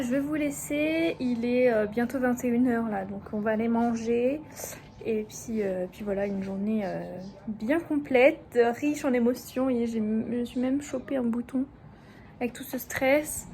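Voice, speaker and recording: A woman's voice: fairly high pitch, mellow. A young woman vlogging at home in a chatty, enthusiastic way, with many fillers. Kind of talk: casual chat.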